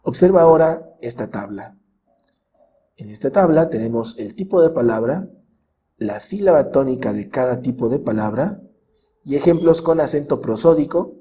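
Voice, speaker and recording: A man narrating a scripted grammar lesson as a teacher, in a measured way, drawing out the example words slowly. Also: medium pitch, warm tone, a little hiss or hum. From Mexico.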